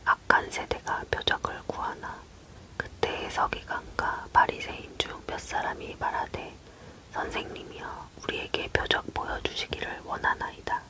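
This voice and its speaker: A person leaning in to whisper a Bible reading in a breathy, unvoiced ASMR voice, close to the microphone. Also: moderate pace, rough recording. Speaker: Bible reader.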